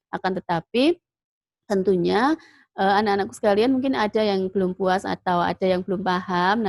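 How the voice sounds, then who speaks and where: A woman's voice: mid-range voice, dry recording. Patient woman teacher, dry close sound. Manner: patient, explains step by step, asks and answers her own questions. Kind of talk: online class lesson.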